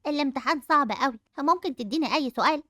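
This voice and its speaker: A young female voice doing a spiteful schoolgirl who sneers and mocks, pitched lower than her usual girlish register, with an Egyptian Arabic accent. It is a quick-talking voice for an animated game movie. The room sound is dry and close. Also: dry recording. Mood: scheming. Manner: sneering, mocking.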